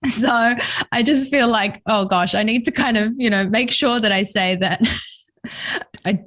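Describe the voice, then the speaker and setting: A woman's voice: on the high side, unhurried, a bit bright. A woman in her forties, a guest entrepreneur speaking candidly and reflectively in a casual interview, laughing now and then. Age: 40s.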